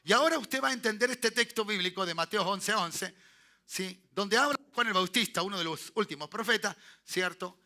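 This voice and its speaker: Preaching to his church, a male pastor from Chile keeps a moderate pace and a high-sitting voice. Short tag questions check in with the congregation, phrases get repeated and restarted, and loud bursts of praise rise up.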